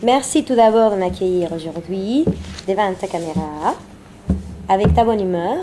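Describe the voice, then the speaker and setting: A Venezuelan singer-songwriter chats playfully as an interview guest, speaking French as a second language with a Spanish accent and often repeating phrases for emphasis. Her medium-pitched voice is mellow with lively intonation and a moderate pace, over a little hiss or hum.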